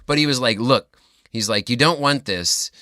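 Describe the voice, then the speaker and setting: A man's voice: medium pitch, moderate pace, bright, forceful tone, no room sound, studio quality. A man, co-hosting a podcast as a rambling, joking storyteller who swears freely. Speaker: podcast co-host. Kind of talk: casual chat.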